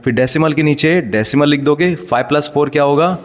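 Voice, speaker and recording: Explaining decimals one step at a time, this math teacher stays patient and keeps checking in through rhetorical questions. His voice is on the high side and a little fast, with long hall reverb around it.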